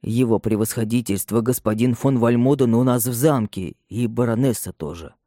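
Мужчина читает сдержанного управляющего с печальной вестью. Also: male voice, medium pitch, moderate pace, warm tone, no room sound, clean studio sound, close to an everyday voice. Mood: grave. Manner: subdued, respectful. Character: grave male estate steward bearing bad news.

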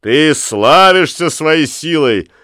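A brash young trickster who shouts his boasts and taunts with a grin in the voice, as a man reads him aloud. He pitches up high and gets loud, with lively swings in tone. The sound is dry and close. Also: slow, clean tone, no room sound, exaggerated voice. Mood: boastful. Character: cocky young male prankster, mocking and boastful.

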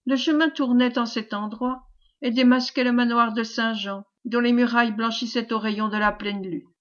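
Casting: woman audiobook narrator, slightly high voice, measured delivery, dull lo-fi recording. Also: steady tone. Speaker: audiobook reader. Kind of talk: scripted narration of a novel.

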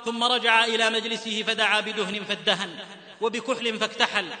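A man's voice: high-pitched, little pitch movement, fairly quick, bright, forceful tone. A man from the Hijaz in Saudi Arabia preaching a sermon-style lecture, telling stories fervently and slipping into a chanted lilt. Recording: echoey hall reverb.

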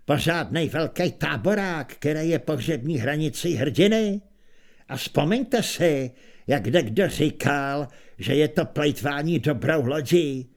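A gruff, aged barbarian chieftain, put on by a male audiobook reader, speaks in a low, dry grumble. He is blunt and matter-of-fact, a storybook warrior long past caring about danger. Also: lively intonation. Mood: scolding.

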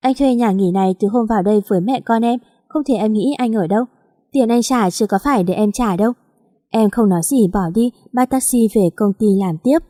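Woman reading a first-person audio story, dark mellow tone, steady and plain. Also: on the high side, brisk. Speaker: narrator.

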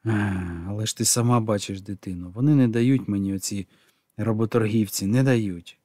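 A man voicing an excitable, warm-hearted famous storyteller who pours out question after question in an audiobook. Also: on the low side, no room sound, studio quality, natural voice. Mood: flustered. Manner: gushing, rapid stream of questions.

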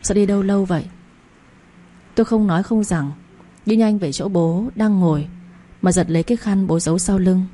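A woman's voice: lowish voice, normal speed, warm tone. A woman giving earnest, heartfelt first-person narration of a story.

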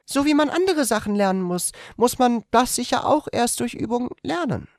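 A man voicing a shy, gentle young woman in a strained high falsetto, speaking softly like a lover in a read-aloud story. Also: lively intonation, normal speed, dry recording, clean studio sound. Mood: tender.

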